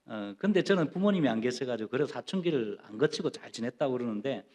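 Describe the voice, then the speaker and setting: Animated middle-aged male pastor preaching. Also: mid-range voice, quick pace. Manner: animated, with playful personal stories. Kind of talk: sermon.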